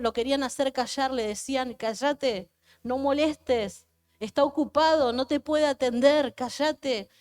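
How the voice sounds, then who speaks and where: Argentine lady pastor preaching, fairly high voice, keeps repeating lines and checking in with the church. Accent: Argentine Spanish. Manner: fervent, repeats phrases, asks the congregation questions. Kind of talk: sermon. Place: church service.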